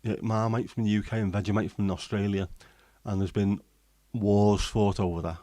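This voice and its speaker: Recorded with studio quality and no room sound, an English livestream host casually reads out and answers live comments, rambling with frequent ums and restarts. He speaks at normal speed in a fairly low, warm voice with a level tone.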